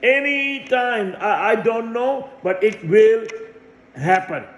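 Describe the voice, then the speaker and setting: A self-proclaimed messiah in his sixties preaches a rambling religious monologue in a high voice with lively intonation. He talks slowly and insistently, repeating phrases again and again, and the echoey sound suggests a bare room.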